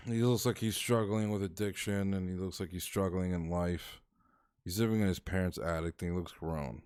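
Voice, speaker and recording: Streamer, male, lowish voice, loose and profane, rambling reaction commentary. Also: fairly even intonation, moderate pace, a little mellow, clean tone. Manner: chatty, swears freely, thinks aloud. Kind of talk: casual live-stream commentary.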